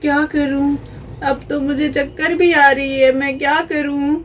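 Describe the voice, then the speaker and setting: A woman's voice: sits high, flat delivery, measured pace, a little hiss or hum. A woman voicing a young mother doll in a homemade doll story, fretful and sing-song. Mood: tired.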